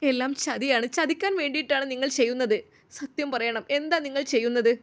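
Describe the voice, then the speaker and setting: A woman's voice: sits high, fairly quick, natural voice. A woman voicing a frightened young wife who accuses her husband and pleads for the truth. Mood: accusing. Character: young deceived wife, frightened but defiant.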